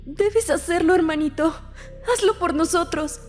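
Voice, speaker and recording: A woman's voice: sits high, a little slow, a little mellow, big-room sound, soft background music. A woman voicing the narrator's desperate, tearful young sister in a horror audio drama. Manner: pleading, tearful.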